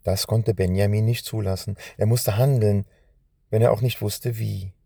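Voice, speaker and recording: A man narrating a scripted children's story in a calm, measured telling. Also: fairly low pitch, creaky, breathy edge, no echo, clean studio sound.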